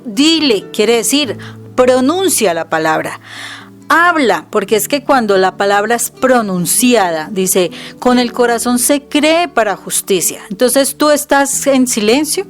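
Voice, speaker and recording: Earnest Colombian woman teaching on prayer. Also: a little high. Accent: Colombian Spanish. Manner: earnest, emphatic, quotes scripture aloud. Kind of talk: conversational religious teaching.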